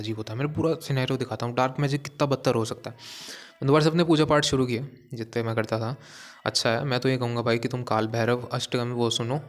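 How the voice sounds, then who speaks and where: A young man with a hoarse voice, a vlogger delivering a heated, preachy monologue straight to his viewers. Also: mid-range voice. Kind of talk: ranting monologue to camera.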